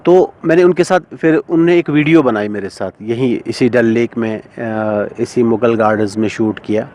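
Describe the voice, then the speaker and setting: A middle-aged man, a singer and composer being interviewed, speaking thoughtfully with many pauses and fillers. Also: medium pitch, a little mellow, slight background noise. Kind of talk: casual interview talk.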